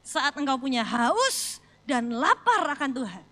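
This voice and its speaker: A young adult woman pastor preaching a sermon, telling stories with lively swings between loud exclamations and soft reflective lines. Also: high voice, measured pace.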